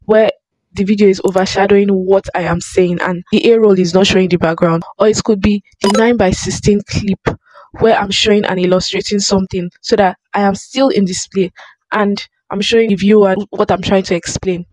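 A woman's voice: mid-range voice, fairly even intonation, fairly quick, a little mellow, no room sound. Young woman, chatty editing tutorial host, dry close mic sound. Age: young adult. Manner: chatty, explanatory. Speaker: content creator teaching video editing. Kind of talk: casual tutorial vlog. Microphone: external microphone.

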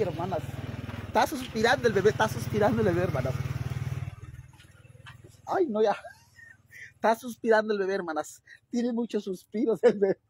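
A man's voice: sits high, a little mellow, a little hiss or hum. A man playing a crude, fretful young woman who thinks she is pregnant, sighing and whining in a comedic vlog skit. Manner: whiny, sighing, keeps repeating "ay, hermanas".

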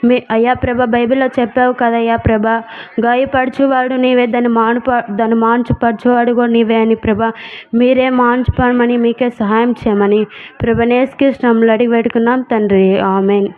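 A woman's voice: fairly high pitch, little pitch movement, a little fast, close to an everyday voice. A woman playing a worried mother who prays tearfully for her sick son in a church skit. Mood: praying. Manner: pleading, tearful repetitions. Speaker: church member. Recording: tinny phone-like sound.

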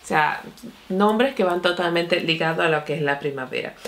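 A young woman reviewing makeup on camera in a chatty, excitable way, calling her viewers "my love.". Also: on the low side, moderate pace. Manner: chatty and excitable, often says "mi amor" and "señores". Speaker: beauty vlogger. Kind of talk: casual makeup review and tutorial.

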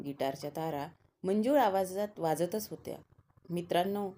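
A woman narrating an audiobook story in a measured, expressive reading. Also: on the low side.

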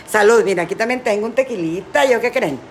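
A middle-aged woman with a Mexican Spanish accent who is tipsy and high, rambling and cracking crude jokes on a cooking livestream from her home kitchen. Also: normal speed, a little hiss or hum. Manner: crude, joking, rambling storyteller. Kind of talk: casual livestream chat while cooking.

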